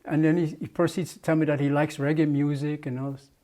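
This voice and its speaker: A man's voice: on the high side, flat delivery, quick pace, mellow. An older man from Jamaica, a muralist, recalling his past at length in an oral history interview, with many restarts and fillers.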